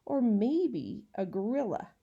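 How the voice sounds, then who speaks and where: A woman voicing a thoughtful, sensible boy in a children's story, speaking in a measured way. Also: on the high side, big pitch swings, creaky, dark tone, dull audio, heavily acted.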